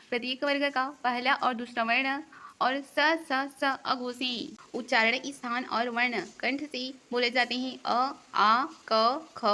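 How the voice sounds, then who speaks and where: Bright-voiced woman reading a lesson. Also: a little high. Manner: reads definitions in a steady, deliberate teaching cadence. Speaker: teacher. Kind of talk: exam-prep lesson, read-aloud definitions.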